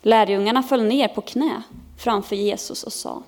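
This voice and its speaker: A woman pastor preaching in a church service, reading a children's Bible story aloud with expressive storytelling. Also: fairly high pitch. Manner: expressive storytelling, lifting her voice for characters' cries.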